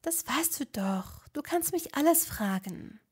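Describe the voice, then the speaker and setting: A woman's voice: sits high, lively intonation, unhurried, a little mellow, pitched above the performer's own voice. A woman voicing an earnest, clever young witch in a fan audio drama. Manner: earnest, explaining, easily indignant.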